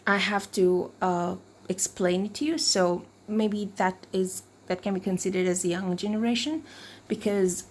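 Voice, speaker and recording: Slow, reflective woman vlogger with cracking voice. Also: mid-range voice. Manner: reflective, searching for words, many restarts. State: voice cracking, clearing throat. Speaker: mental health vlogger. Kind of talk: unscripted talk to camera.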